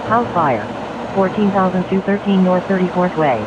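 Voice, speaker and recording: A fire dispatcher calls out units and an address over a radio channel in a clipped, repetitive way. The transmission sounds dull and lo-fi, buried in loud noise and hiss. The delivery stays even and mid-pitched throughout. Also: normal speed. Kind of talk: dispatch call-out.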